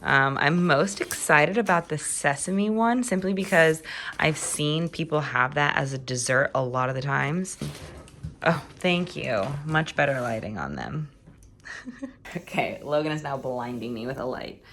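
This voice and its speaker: A woman's voice: deep voice, lively intonation, measured pace, a bit bright, a little hiss or hum. A young woman vlogging casually at home, chatty and laughing often. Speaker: travel vlogger. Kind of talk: casual vlog chat. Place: rented flat indoors.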